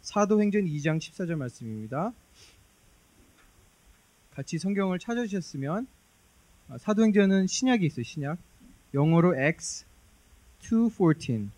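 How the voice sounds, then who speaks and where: High-voiced man telling a lively sermon. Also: a little slow, long pauses. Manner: lively storytelling, conversational. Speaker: preacher.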